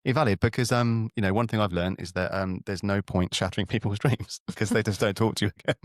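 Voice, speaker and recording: Male co-host, lowish pitch, self-mocking and playful, dry booth sound. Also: fairly even intonation, quick pace, no room sound. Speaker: podcast co-host. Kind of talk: casual chat.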